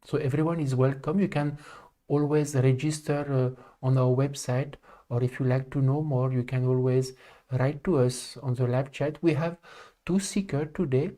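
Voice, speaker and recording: A man from France, hosting a live spiritual talk in a calm, halting way with frequent pauses. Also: medium pitch. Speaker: live stream host and spiritual speaker. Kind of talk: live stream talk to viewers.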